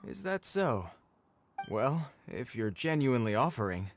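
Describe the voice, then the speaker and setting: An actor playing a dutiful, courteous city guard soldier in a video game, speaking formally and earnestly. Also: male voice, mid-range voice, very animated, unhurried. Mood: grateful, surprised. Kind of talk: video game character acting.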